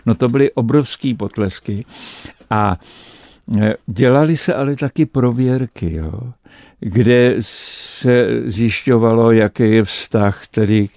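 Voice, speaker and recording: A man's voice: medium pitch, darkish tone, dry recording, clean studio sound. An older man, an actor and entertainer, reminiscing in a radio interview and telling long anecdotes full of hesitations. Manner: rambling anecdotal storyteller, frequent hesitations.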